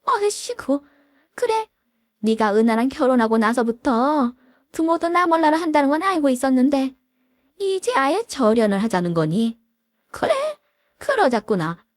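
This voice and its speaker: A woman's voice: sits high, sing-song, normal speed, dry recording, clean studio sound, voice pushed up. A woman doing a scornful, domineering older mother-in-law. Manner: scornful, nagging. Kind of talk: dramatized story reading.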